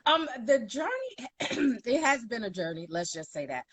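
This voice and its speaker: A woman's voice: fairly high pitch, big pitch swings, normal speed, fairly bright tone. A woman in her forties from Brooklyn with a Brooklyn accent, a model guest chatting in a sassy, emphatic, playful way. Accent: Brooklyn New York. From Bed-Stuy, Brooklyn, USA. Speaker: guest, plus-size model. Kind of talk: casual interview chat.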